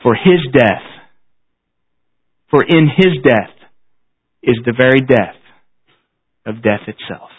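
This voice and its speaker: A man's voice: medium pitch, lively intonation, slow pace, pauses often, breathy edge. A man preaching at a pulpit microphone in a church service, solemn and exhortatory, using repetition and pointed phrasing. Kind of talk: sermon at a pulpit microphone, closing in prayer. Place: church service, speaking to a congregation. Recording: slightly dull, band-limited sermon recording.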